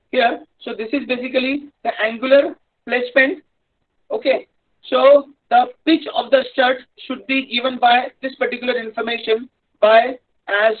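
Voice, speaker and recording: A man with a North Indian accent giving a live online engineering lecture in a hesitant, repetitive, explanatory manner. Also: very high-pitched. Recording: dull lo-fi online-class audio.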